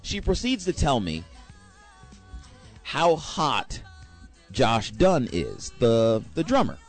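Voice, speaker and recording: Animated man telling a rambling story. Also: mid-range voice, takes it slowly, soft background music. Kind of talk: casual anecdote.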